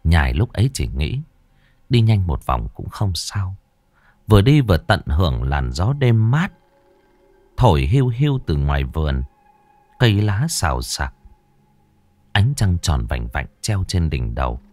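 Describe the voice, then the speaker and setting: Low-voiced man narrating a story. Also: very animated, unhurried, long pauses, a little mellow, dry recording. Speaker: audiobook narrator.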